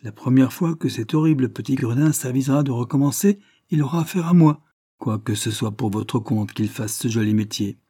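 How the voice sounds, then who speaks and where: A man playing a stern, threatening gentleman. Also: mid-range voice, fairly quick, husky, no echo, studio quality, lightly acted. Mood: warning. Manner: threatening, emphatic. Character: stern, forthright young gentleman.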